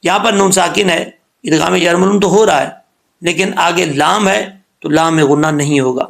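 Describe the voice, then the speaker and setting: A man teaching a Quran recitation lesson in a slightly high, gravelly voice. He walks through each rule patiently, step by step. He slows down to draw out the sounds so listeners can copy them. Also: fairly bright tone. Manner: patient step-by-step explanation, slowing down to model sounds.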